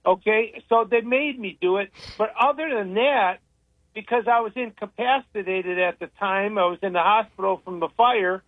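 A man's voice: high-pitched, moderate pace, no room sound. Older man, tinny radio, rambling opinions. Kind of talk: casual radio talk. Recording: tinny phone-line radio sound, dry.

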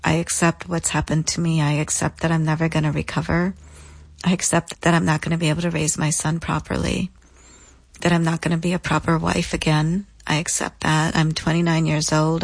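Telling her own story as an interview guest, a woman speaks in a slightly low, level voice. She is deliberate and reflective, repeating things for emphasis, captured in a close, dry recording.

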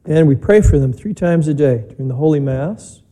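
Priest speaking into a pulpit microphone. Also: male voice, a little high, lively intonation. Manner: measured, plain-spoken, with gentle humor. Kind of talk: homily and spoken Mass prayers. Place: church during a broadcast Mass.

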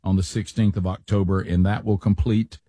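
Folksy older man, dark voice. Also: low voice, little pitch movement, normal speed, husky, dry recording. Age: 60s. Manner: chatty, folksy, many fillers and restarts. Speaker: radio show host. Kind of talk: casual chat.

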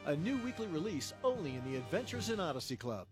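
A man's voice: a little high, very animated, fast talker. A man reading scripted promotional narration as an announcer, upbeat and polished. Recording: music bed behind voice.

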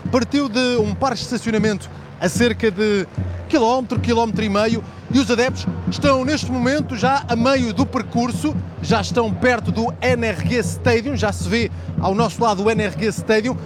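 Brief: high-pitched Portuguese man, quick radio reporter outdoors, music behind. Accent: European Portuguese. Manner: brisk, rapid-fire questioning. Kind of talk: live field reporting. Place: outdoors at a fan march by a stadium. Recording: fan chants and drums behind.

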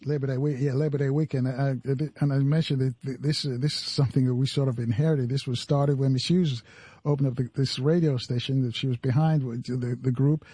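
A man's voice: medium pitch, steady tone, brisk, husky, no echo. A man hosting a radio talk show, chatting with guests with many restarts. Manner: warm conversational, many restarts. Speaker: radio host.

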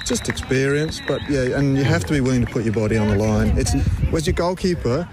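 A man's voice: mid-range voice, a little fast, noisy background. A man chatting about football as a podcast guest, enthusiastic, with lots of fillers. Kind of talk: casual sports chat.

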